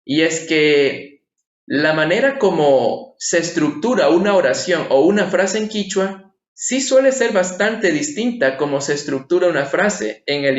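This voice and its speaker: Patient man teaching, echoey room. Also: fairly high pitch. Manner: patient explanatory, asks rhetorical questions. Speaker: language teacher. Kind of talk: online language lesson. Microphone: screen-share voice-over. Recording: echoey room, slightly dull lo-fi sound.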